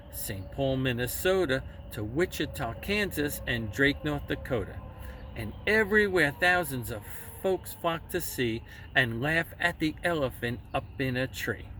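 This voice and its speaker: Here a man tells a children's story in a dramatic, unhurried style, his pitch ranging widely as he stresses words with care. The tone is fairly bright, while the mic seems a little far off and picks up some faint noise.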